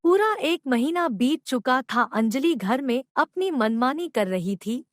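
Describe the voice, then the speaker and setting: A woman's voice: sits high, lively intonation, measured pace, dry recording, clean studio sound. A woman narrating a cartoon story in a plain, scripted storytelling manner.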